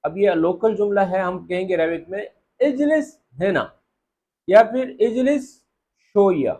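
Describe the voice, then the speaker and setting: High-voiced man teaching spoken Arabic. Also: animated, warm tone. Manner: repeats phrases slowly and drawn out, then explains. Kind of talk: spoken language lesson.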